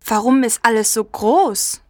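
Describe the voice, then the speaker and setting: A young girl in a storybook reading, small and easily frightened, with a high, clear voice, played by a woman. The recording is dry and close. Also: unhurried, no room sound, natural voice. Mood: anxious. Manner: anxious, wondering.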